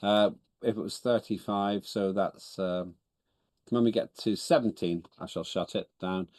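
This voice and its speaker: Chairman of parliament and an Estonian speaker by first language, this lower-pitched man runs a video-call meeting in English, unhurried and a little mellow. Businesslike yet wry, he often corrects himself mid-stream, and the sound is dry and close with no room sound.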